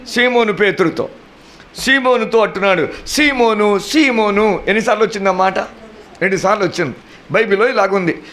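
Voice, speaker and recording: A man's voice: sits high, fairly bright tone. A man preaching a sermon as pastor, calling out to the congregation for responses and mixing English phrases into his talk.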